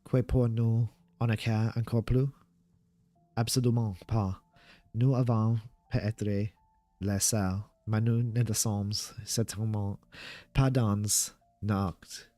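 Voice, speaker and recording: A man's voice: fairly low pitch, flat delivery, slow, dark tone, dry recording. A man voicing a smug, suspicious French nobleman with a haughty, questioning manner in a horror story.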